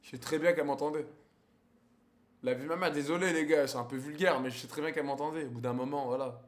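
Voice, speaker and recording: A man in his 20s with a fairly high, steady voice talks fast while chatting crudely on a live stream. He teases strangers on video calls, using slang and swearing often.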